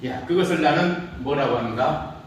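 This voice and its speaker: In an informal classroom lecture, a middle-aged man teaching speech teases his students with rhetorical questions. His voice runs a little high at a moderate pace. The audio, captured from far off in an echoey room, has slight background noise.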